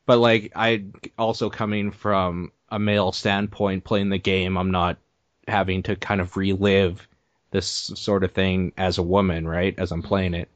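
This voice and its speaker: A man hosting a casual podcast, talking in a relaxed, rambling way full of hedges. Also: low voice, measured pace, dry recording, muffled recording. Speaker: podcast host.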